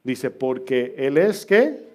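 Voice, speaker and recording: A man's voice: medium pitch, big pitch swings, slow. A middle-aged man preaching as pastor, chatting with his congregation with humor and questions. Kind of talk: sermon. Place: church.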